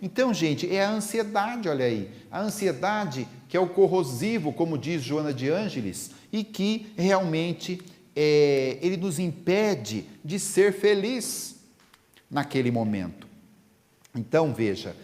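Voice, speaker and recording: Lively lecturer in a hall. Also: male voice, on the high side. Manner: animated storytelling that acts out the dialogue. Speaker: spiritist lecturer. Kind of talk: lecture told as anecdotes.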